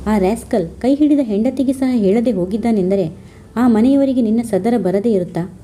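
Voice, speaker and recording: A woman's voice: on the high side, moderate pace, warm tone, natural voice. A woman voicing an angry, outspoken sister-in-law who scolds and rants in a storybook reading. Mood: scolding. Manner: scolding, ranting.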